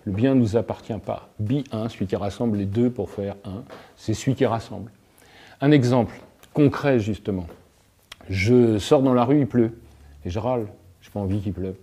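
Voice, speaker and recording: Mellow-voiced man musing philosophically. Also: on the low side, moderate pace, husky. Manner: reflective, illustrates points with everyday anecdotes, tags phrases with "hein". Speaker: guest, alchemist and author. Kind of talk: reflective philosophical talk.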